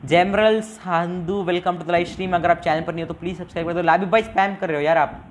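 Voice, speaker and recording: Young male streamer, chatty, begs for subs, mixes English into Hindi, voice a bit high. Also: steady tone, a little fast, slight background noise, poor audio. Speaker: live-stream gaming host. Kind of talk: casual live-stream chat reading viewer comments.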